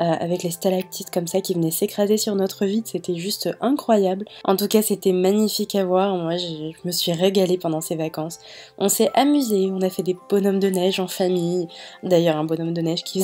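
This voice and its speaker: A woman's voice: mid-range voice, dark tone. A woman giving a casual, chatty voice-over narration in the manner of a vlogger. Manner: chatty, informal. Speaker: vlogger narrating a family holiday video. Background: background music.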